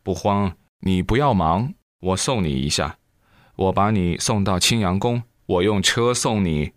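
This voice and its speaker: A calm, kindly older man reassuring a flustered guest, as a male narrator reads him. The voice sits low and the sound is dry and close. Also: a little slow, no room sound. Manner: soothing, reassuring.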